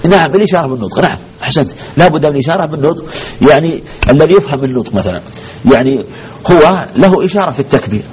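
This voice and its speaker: Brief: man, sheikh giving a rapid-fire lesson, repeats himself for emphasis, muffled recording with faint noise. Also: fairly high pitch, expressive, a little mellow. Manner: poses questions to the class, repeats key phrases. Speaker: sheikh teaching a class. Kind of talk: religious law lesson.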